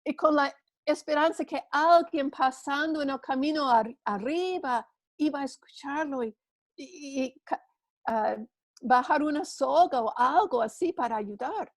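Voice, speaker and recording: Woman Bible teacher, high voice, slow and earnest, dry close sound. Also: no echo. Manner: earnest, storytelling, with small restarts. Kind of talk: church women's class teaching.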